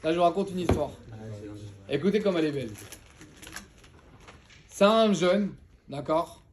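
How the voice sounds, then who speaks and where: A man teaching a casual Torah lesson, telling a parable in an animated, slangy way and joking with his listeners. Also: on the high side, unhurried.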